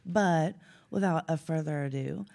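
Chatty woman host, lowish voice. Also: a little slow, gravelly, a little mellow. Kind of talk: casual chat.

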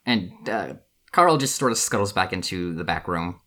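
A man runs a tabletop game in a very low voice that still carries a bright, sharp edge. He narrates haltingly and restarts his sentences often. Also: animated. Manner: halting, many restarts and fillers. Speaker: game master.

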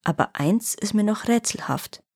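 A woman voicing a vain, greedy rich landowner who is quick to anger and later pleads sweetly. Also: mid-range voice, lively intonation, darkish tone, breathy edge, no echo, clean studio sound. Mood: haughty. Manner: haughty, then honey-sweet and pleading.

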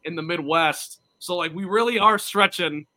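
A young man co-hosts a sports podcast, tossing out playful jokes. His voice is high and bright. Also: normal speed. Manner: playful, joking. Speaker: podcast co-host. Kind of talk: casual sports podcast chat.

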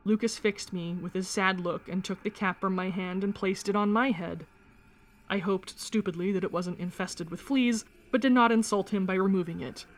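A woman reading a first-person memoir aloud in a steady, measured storytelling manner. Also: mid-range voice. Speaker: narrator.

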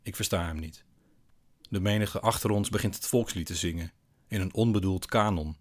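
A man narrating a first-person story in a dry, deadpan way. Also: low-pitched, normal speed.

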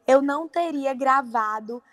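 A young actress from Paraíba, Brazil, with a Paraíba accent, talking earnestly in a casual interview with frequent fillers. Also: female voice, high-pitched, a little slow, dry recording. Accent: Paraíba Brazilian Portuguese. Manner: earnest, fluent, many fillers. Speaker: actress guest.

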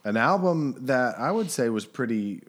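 A man's voice: mid-range voice, animated, normal speed. A man co-hosting a casual podcast, laid-back and joking as he chats, with faint music behind. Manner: laid-back, joking, talks while eating. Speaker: podcast co-host. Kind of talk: casual chat.

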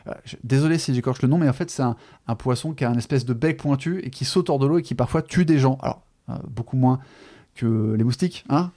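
A man hosting a podcast, chatting casually about a book, pausing often with fillers and restarting his sentences. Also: medium pitch, warm tone. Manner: hesitant, many fillers and restarts, chatty asides. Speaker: podcast host. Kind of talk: casual literary chat.

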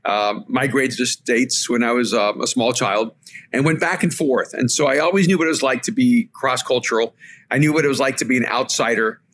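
A man from El Salvador whose first language is Spanish, speaking as a podcast guest in an earnest, reflective storytelling way, in quick bursts. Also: medium pitch, a bit bright, slight background noise. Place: remote call from home.

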